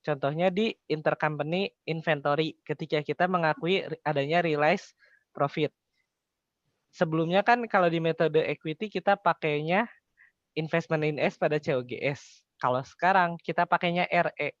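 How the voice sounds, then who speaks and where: A young accounting tutor explains things step by step in an informal, colloquial way, often posing questions and answering them himself. His voice is a little high and moves at a normal speed. There's no echo, though the highs are cut off.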